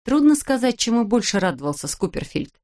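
An audiobook narrator reading a children's story in an even storytelling manner. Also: medium pitch, brisk.

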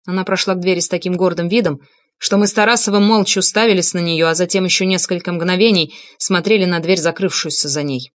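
A woman narrating a first-person audiobook in an even, measured reading style. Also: on the low side.

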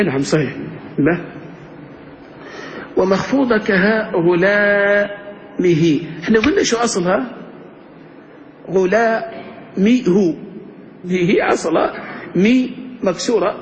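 A man's voice: sits high, gravelly, darkish tone, a little hiss or hum. A man teaching grammar to a class, often asking the students questions. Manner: engaging, asks the class questions. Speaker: sheikh teaching Arabic grammar. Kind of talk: classroom lecture. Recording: muffled lo-fi classroom recording.

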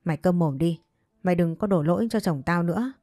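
A coarse, contemptuous middle-aged mother hurls accusations, read by a woman narrator. The voice sits low and mellow. Recorded dry, with faint music beneath. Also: fairly quick, no echo. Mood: scornful.

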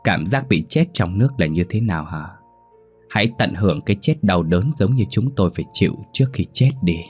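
A man's voice: low voice, expressive, brisk, a little mellow, breathy edge, faint music behind. A man voicing a vengeful young woman's ghost who drowned in a flood, speaking in cold, menacing threats.

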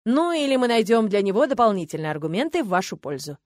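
Storybook role: a young dragon in human form, calm, matter-of-fact , as a woman reads him. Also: mid-range voice, fast, no room sound, clean studio sound, close to an everyday voice.

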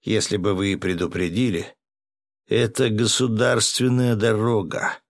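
A man's voice: on the low side, steady tone, unhurried, no room sound, studio quality. A man playing a sly, overly polite foreman. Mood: falsely polite. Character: smooth, falsely polite road foreman.

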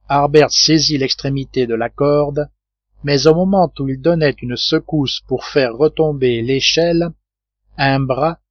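Male narrator for a classic novel audiobook; steady, measured delivery, dull dry recording. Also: medium pitch, no echo.

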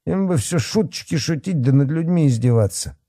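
A man voicing a fat, pompous rural policeman who sneers and shouts at teenagers. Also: on the high side, lively intonation, moderate pace, dry recording, studio quality, pitched above the performer's own voice. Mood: sneering. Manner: blustering, scornful, shouting.

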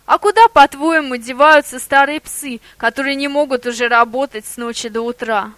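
A sly male boar coaxes and argues in a lively, theatrical way, as a woman puts him on. The voice sits high and sounds bright and close, with no room sound. It plays like a spoken storybook. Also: moderate pace, clean tone, no echo. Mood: urgent. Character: sly male boar in disguise, persuasive, bold.

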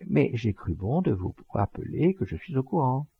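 Male reader as a measured, confiding gentleman; husky voice, lively pitch, lo-fi. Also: no room sound, exaggerated voice. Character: friendly, knowing gentleman advising a hunter.

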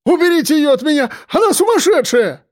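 A man's voice: high voice, normal speed, a little mellow, dry recording, clean studio sound. A man voicing a pathetic, cowardly male kidnapper who mumbles and whines. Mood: panicked. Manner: mumbling, whiny.

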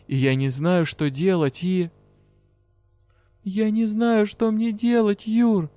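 A man's voice: high-pitched, measured pace, dark tone, no echo, faint music behind, pitched above the performer's own voice. A man voicing a frightened young woman in an audiobook, tearful and pleading in a raised, thin voice.

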